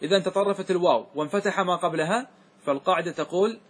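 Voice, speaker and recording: Male teacher, slightly high and husky, leads a classroom grammar lesson with questions. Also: fast talker. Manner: asks students questions and repeats answers.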